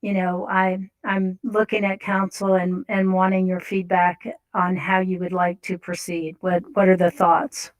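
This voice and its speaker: A woman's voice: lowish voice, little pitch movement, unhurried, hardly any pauses, low-quality recording. A woman chairing a city council meeting, businesslike and polite, with frequent ums and restarts.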